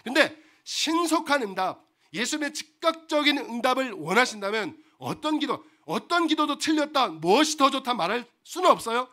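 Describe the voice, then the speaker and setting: A man's voice: extremely high pitch, very animated, moderate pace, bright, forceful tone. A man preaching a sermon as pastor, asking the congregation rhetorical questions and repeating phrases for emphasis.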